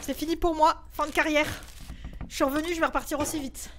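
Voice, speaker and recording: A woman's voice: sits high, steady tone, fast talker, fairly bright tone, a little hiss or hum. A woman giving horror game commentary, jumpy, yelping and swearing when startled and talking to herself in nervous bursts. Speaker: gaming video creator.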